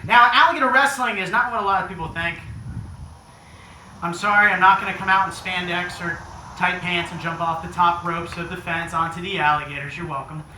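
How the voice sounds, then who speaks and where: A man's voice: high voice, fairly even intonation, brisk, bright, forceful tone. A man projecting joking live show patter to an audience as a presenter. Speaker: alligator wrestling show presenter. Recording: echoey, slightly distant, faint noise.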